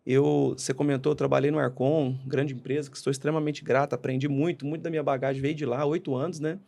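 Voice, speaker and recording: A man's voice: medium pitch, little pitch movement, quick pace, creaky, mellow. A man from Brazil, a guest on a casual podcast, telling his story earnestly and peppering it with "cara" and "né". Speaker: podcast guest, consórcio entrepreneur.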